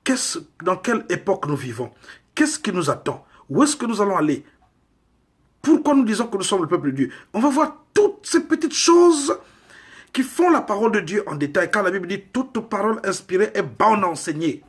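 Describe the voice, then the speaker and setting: A man from Congo delivering a slow, emphatic sermon full of rhetorical questions. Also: high voice, sing-song, breathy edge. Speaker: preacher.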